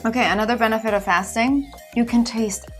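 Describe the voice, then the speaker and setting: A woman's voice: on the high side, fairly even intonation, a little fast, faint music behind. A woman in casual chat, giggling often and talking while she chews. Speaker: co-host.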